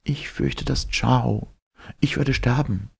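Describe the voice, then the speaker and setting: A man voicing a gentle, fearful young woman born of starlight, speaking softly and tenderly in a husky, gravelly voice raised well above his own. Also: mid-range voice, takes it slowly, voice pushed up, heavily acted. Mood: frightened. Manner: soft, tender, wondering. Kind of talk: audiobook reading.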